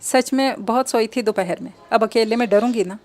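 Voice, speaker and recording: A woman reading an audiobook, voicing a lonely young wife who pleads softly. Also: a little high, moderate pace, no room sound, natural voice. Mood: pleading.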